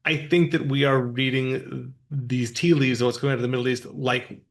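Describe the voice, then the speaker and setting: A man's voice: medium pitch, steady tone, normal speed. A man co-hosting a podcast, explaining politics in a casual, thoughtful, plain-spoken way. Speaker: podcast co-host. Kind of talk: casual discussion.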